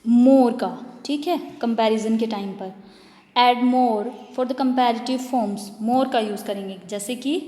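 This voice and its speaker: A woman teaching English grammar, reading example sentences slowly and then explaining them with questions to the class. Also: on the high side, warm tone. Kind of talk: grammar lesson mixing Hindi and English. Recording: echoey room with long reverb.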